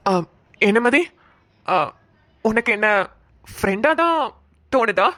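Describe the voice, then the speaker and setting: A woman's voice: fairly high pitch, expressive, bright, forceful tone, dry recording, clean studio sound, heavily acted. A woman voicing a young man, a shy childhood friend who hesitantly confesses his love. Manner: hesitant, halting speech.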